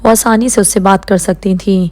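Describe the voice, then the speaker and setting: A woman's voice: mid-range voice, steady tone, a little mellow. A woman narrating a novel as an audiobook, reading every character's lines herself and changing her tone for the dialogue.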